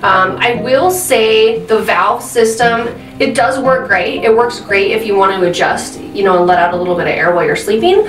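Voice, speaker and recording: A woman in her thirties giving a casual product review, chatty and filling pauses with "um". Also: mid-range voice, soft background music. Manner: chatty, frequent "um" fillers. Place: indoor room at a desk. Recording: roomy and slightly distant.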